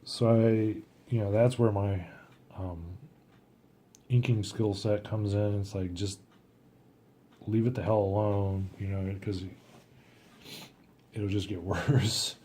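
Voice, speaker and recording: A man's voice: on the low side, steady tone, takes it slowly, pauses often, mellow, slight background noise. A man casually talking through his watercolor technique as he paints, thinking aloud and often trailing off. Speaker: watercolor artist.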